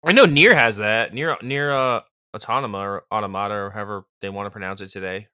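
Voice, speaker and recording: Bright-voiced man rambling on a podcast. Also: fairly low pitch, quick pace, clear, resonant tone, no echo, studio quality. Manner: rambling, heavy on "like". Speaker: podcast co-host. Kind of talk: casual gaming podcast chat.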